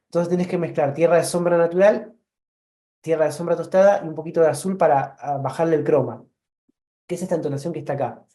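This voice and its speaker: A man's voice: on the high side, fairly even intonation, fast talker, dark tone. A man with a Rioplatense Spanish accent joining a live online painting class, speaking hesitantly and searching for words.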